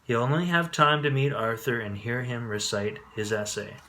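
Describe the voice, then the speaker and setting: A man's voice: mid-range voice, normal speed, slight background noise, natural voice. Reassuring, practical dad for a bedtime storybook, man reading, middle register. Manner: calm, reassuring. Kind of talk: children's storybook read aloud.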